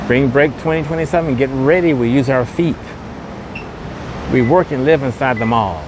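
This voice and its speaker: On a windy street outside a shopping mall, a man who hosts podcasts and vlogs leads a casual walking tour, repeating his points in tour-guide patter. He has a medium pitch and moderate pace, recorded on a camera mic with a wind guard amid windy street noise.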